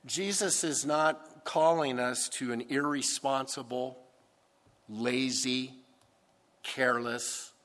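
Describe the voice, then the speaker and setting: A pastor preaching a sermon into a pulpit microphone, with a deliberate, emphatic delivery. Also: male voice, medium pitch, fairly even intonation, a bit bright. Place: church sanctuary. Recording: long church hall reverb.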